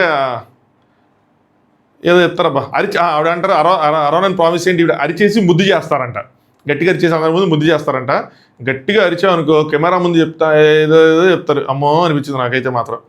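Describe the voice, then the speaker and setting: A man's voice: on the high side, fast talker. A man with a Telugu accent recapping a reality show in a casual solo talk, acting out the contestants' lines in shifting voices. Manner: animated, acts out contestants' quotes in shifting voices. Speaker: show reviewer.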